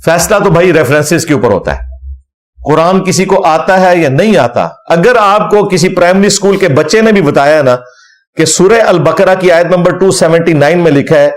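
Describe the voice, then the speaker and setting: A man, an Islamic scholar, giving a religious lecture in an animated, scornful manner and reciting Arabic verses along the way. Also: fairly high pitch.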